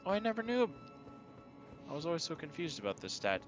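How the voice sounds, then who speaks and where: A man chatting excitedly and casually while playing a co-op game. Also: on the high side, a little fast, soft background music. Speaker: streamer playing co-op. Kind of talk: casual gaming chat.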